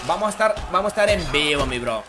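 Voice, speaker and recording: With quick pacing, lively intonation, and a fairly high pitch, a man commentates his fighting-game live stream. He's hyped and slangy, calling out the action and thanking viewers with repeated shout-outs while game music plays.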